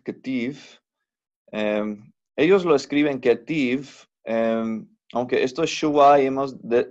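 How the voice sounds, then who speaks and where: A man lecturing in an online language class, unhurried and patient, pausing often with fillers and correcting himself mid-sentence. His voice sits at a middling pitch, and the recording sounds slightly dull and lo-fi. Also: a little mellow. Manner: slow, patient explaining with many fillers and self-corrections. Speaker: Biblical Hebrew teacher.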